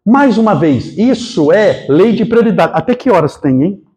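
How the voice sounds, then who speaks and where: A Brazilian man giving a spiritist sermon, telling stories in a lively way and putting questions to the audience. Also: high voice, moderate pace. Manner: storytelling, animated, acts out quotes, asks the audience. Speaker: spiritist lecturer.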